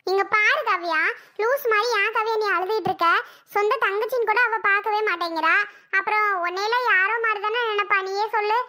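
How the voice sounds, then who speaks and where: A woman's voice: very high-pitched, fairly quick, pushed and bright. A woman voicing a blunt, bossy young woman in a cartoon who comforts a friend with scolding words. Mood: consoling. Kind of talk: cartoon voice acting.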